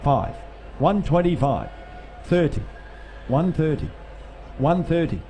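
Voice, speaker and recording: Male auctioneer, high-voiced, cajoling bidders with repetitive chanted figures, recorded over live sale noise. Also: big pitch swings, takes it slowly, warm tone. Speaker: livestock auctioneer. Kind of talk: rapid auction chant with bid calling and sales patter.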